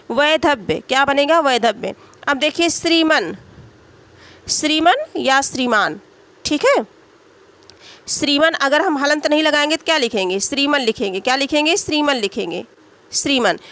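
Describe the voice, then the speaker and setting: A woman's voice: high-pitched, a bit bright. A woman teaching Hindi grammar for exam prep. She asks a question, answers it herself, repeats each word and keeps adding "है ना". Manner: frequent tag "है ना".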